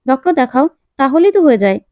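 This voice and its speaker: A woman voicing a calm, protective young woman in a retold TV serial, giving soothing but firm advice. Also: high-pitched, fast talker, dry recording. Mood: reassuring.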